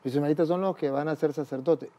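A man's voice: a little high, steady tone, fast, warm tone. A man, a priest, telling his life story in an interview, acting out the dialogue as he goes. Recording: dull, muffled sound.

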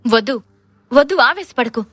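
A woman's voice: on the high side, a little fast, no room sound, natural voice. A woman voicing a nervous, cautious man who urgently warns and pleads in an audio drama. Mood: warning.

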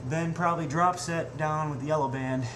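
A slightly high, fairly even male voice at a moderate pace belongs to a fitness vlogger in his twenties doing a workout at home. He's casual and blunt, swears now and then, and grunts through his reps. Recorded by a webcam at desk distance in a small room, the sound is echoey and noisy.

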